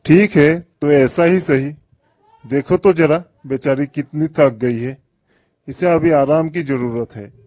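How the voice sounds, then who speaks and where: A man voicing a kind, gentle king in a storybook tale, speaking softly and pleadingly. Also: fairly high pitch, slow, dry recording. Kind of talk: storybook voice acting.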